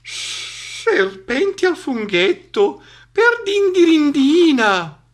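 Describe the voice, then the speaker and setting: A man voicing a silly, easily startled female snake in a storybook reading, high and drawn out. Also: very animated, drawn-out words, heavily acted. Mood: astonished.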